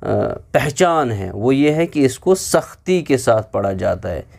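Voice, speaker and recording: A male teacher gives a Quran reading lesson at an unhurried overall pace, voice pitched in an ordinary middle range. He spells out letters and syllables slowly for listeners to repeat, then explains the rules in quick bursts. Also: sing-song, gravelly, a little mellow. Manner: has listeners repeat after him.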